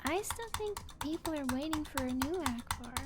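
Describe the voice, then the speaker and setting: A woman's voice: high-pitched, lively intonation, normal speed, very noisy. A woman co-hosting a comedic podcast, talking in a playful, teasing way. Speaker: podcast co-host. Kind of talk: casual comedic podcast chat.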